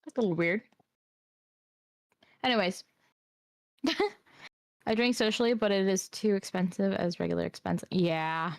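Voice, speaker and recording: A woman's voice: mid-range voice, steady tone, normal speed, creaky, pauses often, no room sound. Young woman, giggly storyteller, casual podcast co-host, dry close sound. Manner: giggly, reads history aloud and breaks into laughter. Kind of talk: casual streamed podcast chat.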